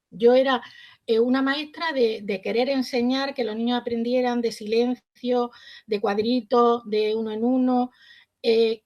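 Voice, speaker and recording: A woman's voice: a little high, darkish tone. A middle-aged woman teacher, reflectively recounting her career in an interview and acting out quoted dialogue. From Spain. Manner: storytelling, acts out quoted dialogue. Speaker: primary school teacher.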